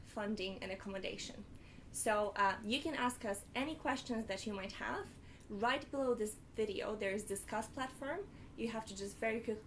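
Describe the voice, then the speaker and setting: A young woman hosts a live student panel in an organised, slightly hesitant way, pausing on fillers as she lists topics. Her pitch sits in the middle range. There is faint noise behind her. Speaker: panel host. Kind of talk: hosting a live student webinar.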